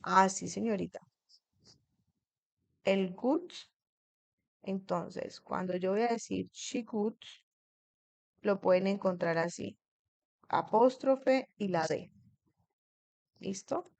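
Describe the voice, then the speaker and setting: A woman's voice: medium pitch, slow pace, gravelly, long pauses, a little mellow, dry recording. Woman teaching a grammar class. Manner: keeps checking in with the class, asking questions. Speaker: English teacher.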